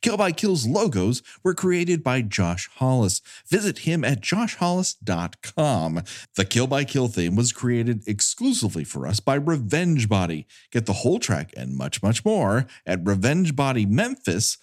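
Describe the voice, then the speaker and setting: A man reading scripted podcast credits and a legal disclaimer in a brisk announcer's manner. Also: medium pitch, wildly swooping pitch. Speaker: podcast host.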